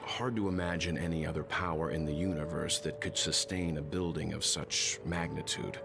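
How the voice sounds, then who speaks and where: A very deep, smooth schemer. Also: male voice, fairly even intonation, normal speed. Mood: smooth, probing. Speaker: game character voice. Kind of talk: game cutscene dialogue. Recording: game audio under a score. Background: game music.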